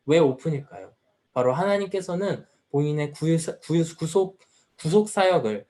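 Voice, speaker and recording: A man's voice: a little high, mellow. A man preaching a sermon at a youth service as the pastor, earnest and full of rhetorical questions. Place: church.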